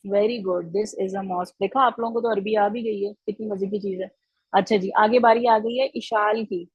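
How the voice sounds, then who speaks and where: A woman's voice: medium pitch, fairly even intonation, normal speed, husky, no echo, lo-fi sound. A woman teaching children in an online class, patient and encouraging, repeating each answer back to them.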